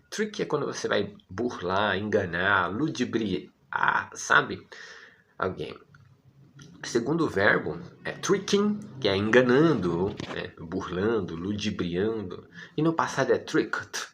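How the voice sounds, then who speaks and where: A man's voice: lowish voice, vocal fry, pushed and bright. A Brazilian man teaching English vocabulary in Portuguese, patiently repeating words and often checking in with his students.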